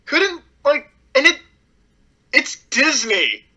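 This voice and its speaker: A man's voice: very high voice, very animated, slow, pushed and bright. A young man co-hosting a podcast, chatting casually in a sarcastic, laughing, profane way. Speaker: podcast co-host. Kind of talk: casual chat. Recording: dull lo-fi sound.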